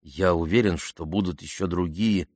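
A man's voice: low voice, normal speed, darkish tone, no echo. Man doing a shy, mumbling young man. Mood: subdued. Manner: mumbled, dry and subdued.

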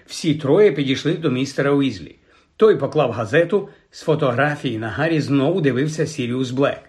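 A man narrating an audiobook in a lively, expressive way. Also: mid-range voice, moderate pace.

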